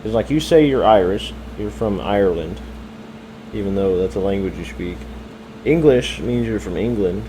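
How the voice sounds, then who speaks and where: A young man from the US talks to his chat in a relaxed, rambling way, full of fillers and second guesses. His voice sits low and dark. A faint fan hum runs underneath the home mic. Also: moderate pace, rough recording. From United States. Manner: rambling, hesitant, lots of fillers and self-corrections. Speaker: streamer. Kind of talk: casual live-stream chat with chat readers.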